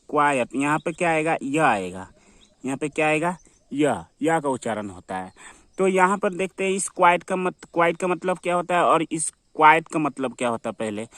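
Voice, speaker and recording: A man with a fairly high voice gives a classroom-style vocabulary lesson. He asks rhetorical questions, answers them himself, and drills each word over and over. The sound is dry and close, with no room echo. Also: a bit bright. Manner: repetitive, asks and answers his own questions. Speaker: English teacher.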